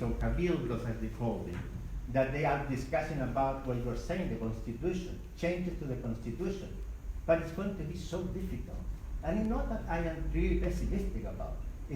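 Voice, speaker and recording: A man's voice: a little high, a little mellow. A man from Chile making an impassioned, rallying comment from the floor at a university panel. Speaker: audience member. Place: university lecture hall. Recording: echoey lecture hall from far off, faint noise.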